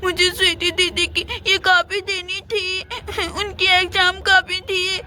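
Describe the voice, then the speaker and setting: A woman's voice: very high voice, completely flat delivery, unhurried, sharp tone, heavily acted. A woman playing a tearful frightened little girl. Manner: tearful, pleading. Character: scared young girl, tearful and anxious.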